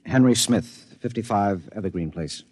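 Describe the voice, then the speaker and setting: An actor playing a mild, furtive married man in an old-time radio drama, speaking in a halting, polite way. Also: on the low side, darkish tone, slightly rough, no room sound. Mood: nervous, hesitant.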